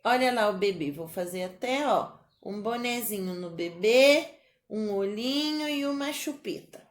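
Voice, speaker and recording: A woman teaching a spelling lesson to young children in a slow, sing-song way, with a Brazilian Portuguese accent. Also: mid-range voice, animated. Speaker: primary school teacher. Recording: echoey room.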